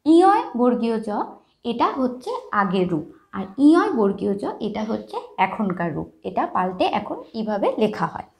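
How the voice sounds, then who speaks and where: A woman's voice: medium pitch, big pitch swings, normal speed, creaky, darkish tone. A woman teaching a lesson, explaining step by step and checking often with the listener. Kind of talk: lesson on writing and pronunciation.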